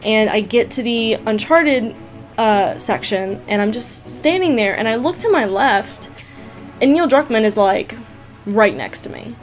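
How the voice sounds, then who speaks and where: A young woman gaming vlogger, telling a story casually to camera, chatty and excitable, full of "like" and "you guys". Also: on the high side, unhurried, faint music behind. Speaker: gaming YouTuber answering viewer questions.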